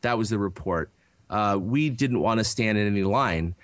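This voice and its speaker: A man's voice: lowish voice, moderate pace, fairly bright tone, no room sound, clean studio sound. A man in his thirties co-hosting a podcast, telling a rambling story in a casual chat, full of fillers and restarts. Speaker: podcast co-host.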